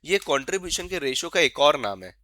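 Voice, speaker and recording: A man with a bright, forceful voice teaches an exam-prep class and keeps checking whether his students follow. He poses questions and answers them himself, and he spells out each formula slowly as he writes it. The sound is close and dry. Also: fairly high pitch, very animated, dry recording. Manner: coaxing, calls students "beta", asks and answers himself.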